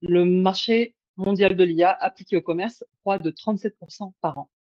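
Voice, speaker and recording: A woman's voice: on the low side, moderate pace, no room sound. A woman presenting a webinar over a video call, hesitant, with many fillers and restarts. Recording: dull lo-fi call audio.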